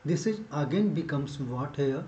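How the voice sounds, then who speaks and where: A man teaching a maths lesson step by step, dictating notation symbol by symbol in short, halting phrases. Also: fairly high pitch, expressive, mellow, a little hiss or hum. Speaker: mathematics teacher. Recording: echoey room, dull muffled sound.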